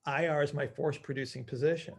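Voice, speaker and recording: A man leads an informal group call as coach, his voice on the high side, steady, gravelly and slightly rough, moving a little fast. He teaches emphatically by posing and answering his own questions, often checking with "right?".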